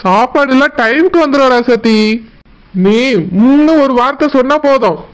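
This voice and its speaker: Voice actor as old cartoon husband, village speech from southern Tamil Nadu, high-pitched, smooth, coaxing, repeats endearments. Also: normal speed, natural voice, low-quality recording. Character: doting older village husband.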